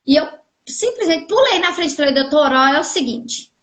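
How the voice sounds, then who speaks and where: High-voiced woman from Goiás telling a story. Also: normal speed. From Goiás, Brazil. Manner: animated, acts out quoted dialogue. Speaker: guest telling her story. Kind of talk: casual storytelling on a live stream. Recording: echoey room audio from a live stream.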